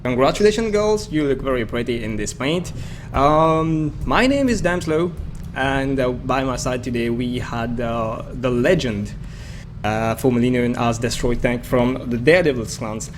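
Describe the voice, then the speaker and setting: A man's voice: medium pitch, a little slow, slight background noise. Chatty man commentating a game stream. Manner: chatty, hesitant with many fillers.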